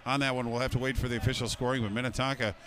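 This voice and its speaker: Man, hockey color analyst outdoors, brisk delivery, mid pitch, long analytical breakdowns. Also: steady tone, fairly bright tone, slight background noise. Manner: explains plays in long analytical runs. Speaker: color commentator. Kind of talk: live hockey color commentary.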